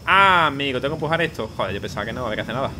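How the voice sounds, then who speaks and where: A young man giving excitable, swearing let's play commentary, yelping at scares. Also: mid-range voice, rapid-fire, background noise. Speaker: gaming YouTuber. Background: game music.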